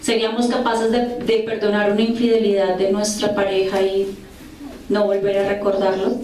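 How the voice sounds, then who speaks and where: A woman speaking earnestly to a prayer group, frank and searching, often pausing and restarting. Her voice sits at an ordinary middle pitch. The sound is very echoey, and the mic is some distance away with faint background noise. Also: flat delivery, darkish tone. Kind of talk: church group teaching with personal testimony.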